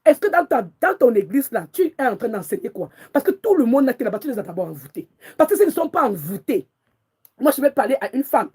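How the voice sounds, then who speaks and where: A woman's voice: a little high, very animated, fast, darkish tone, slightly rough. A woman prophetess preaching with passion and anger, crying out to God in prayer and repeating her words again and again. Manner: angry, repetitive, calls out to God.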